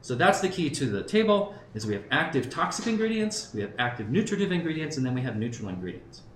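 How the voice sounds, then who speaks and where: Speaking fast and very animatedly, this man in his fifties from Southern California has a mid-range, somewhat bright voice. He's giving a conversational conference talk to a live audience, checking in with listeners and thinking aloud, in a roomy recording with faint background noise.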